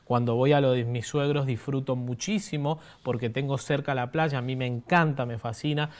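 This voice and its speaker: An Argentine man in his thirties gives a sermon built on his own testimony. His voice sits at an ordinary middle pitch. He speaks in a loose, conversational way and keeps turning to the congregation with questions. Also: steady tone, moderate pace. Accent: Argentine Spanish. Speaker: preacher.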